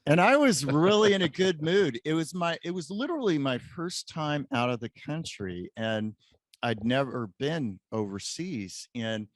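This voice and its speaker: A man in his late fifties, a professor guest in a casual interview, telling an animated story. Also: lowish voice, no room sound.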